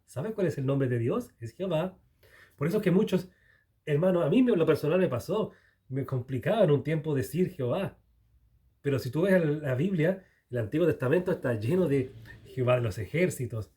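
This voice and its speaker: A man's voice: on the high side, warm tone. Earnest man teaching the Bible. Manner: earnest, speaks straight to the viewer. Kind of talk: informal video Bible teaching.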